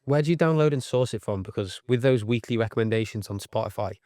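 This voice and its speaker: A man's voice: medium pitch, fast, darkish tone, no room sound. A man co-hosting a casual podcast chat, asking curious, probing questions. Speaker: podcast co-host. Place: podcast studio.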